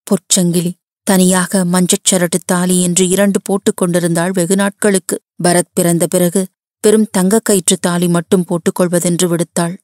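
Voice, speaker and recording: A woman reading a novel chapter aloud in a steady, even storytelling voice. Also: lowish voice, moderate pace, no echo, clean studio sound.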